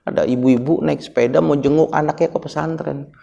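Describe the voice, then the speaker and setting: A man giving a lively, joking study sermon in a mosque, acting out little stories as he teaches. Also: on the high side, a little fast, vocal fry, lo-fi sound, slight background noise. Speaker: Islamic preacher. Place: mosque hall. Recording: long hall reverb.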